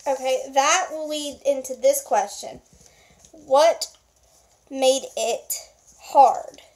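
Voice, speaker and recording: A woman hosting a home video, briskly reading questions to her husband and steering his answers. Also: sits high, darkish tone. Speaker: vlog host interviewing her husband. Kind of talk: casual home interview. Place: home at night.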